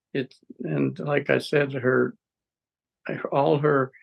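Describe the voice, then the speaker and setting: A man in his seventies giving a rambling, halting interview testimonial, with frequent restarts and chuckles. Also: medium pitch, creaky, breathy edge, low-quality recording. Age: 70s. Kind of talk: casual interview answers.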